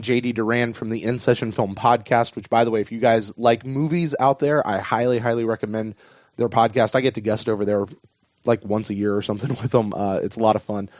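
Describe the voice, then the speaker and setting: Slightly hoarse man hosting a podcast. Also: mid-range voice, a little mellow, no room sound. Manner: rambling, restarts sentences. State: losing his voice. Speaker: podcast host. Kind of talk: casual sports podcast chat. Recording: dull dry podcast audio.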